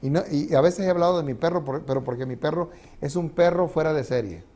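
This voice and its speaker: Speaking quickly in a dark-toned voice on the high side, a middle-aged pastor delivers a sermon in a church sanctuary. He keeps things conversational, laughing and frequently questioning the congregation.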